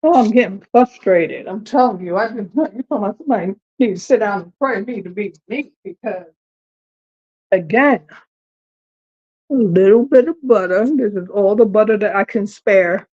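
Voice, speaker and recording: A woman's voice: medium pitch, moderate pace. A woman, talking casually to viewers in her home kitchen and complaining with dramatic exasperation. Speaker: home cooking vlogger. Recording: dull lo-fi audio.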